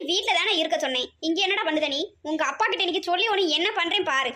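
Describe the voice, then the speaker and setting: A woman voicing a scolding village farmhand mother with a Tirunelveli Tamil accent, who talks fast and sharply. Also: very high-pitched, animated, sharp tone, exaggerated voice. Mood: angry. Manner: quick, scolding.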